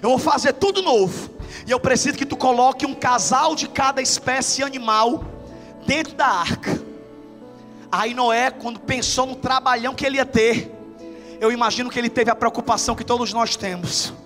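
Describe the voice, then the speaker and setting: Brief: an animated male preacher from Brazil, storytelling in a long-reverb church hall. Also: very high voice, moderate pace, soft background music. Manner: lively storytelling with shouted climaxes. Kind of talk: sermon.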